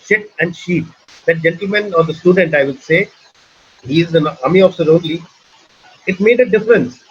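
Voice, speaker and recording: A middle-aged man with an Indian accent and a husky, slightly high voice hosts a webinar, talking a little fast. As the webinar host and trainer, he gives earnest advice in a casual teaching style, often restarting and repeating himself. The video-call audio sounds muffled.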